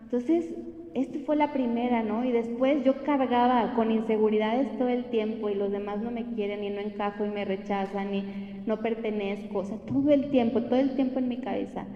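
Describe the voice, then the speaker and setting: A woman's voice: on the high side, fairly even intonation, normal speed. A young woman giving an earnest, emotional faith testimony, often close to tears. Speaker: retreat testimony speaker. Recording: muffled, echoey hall.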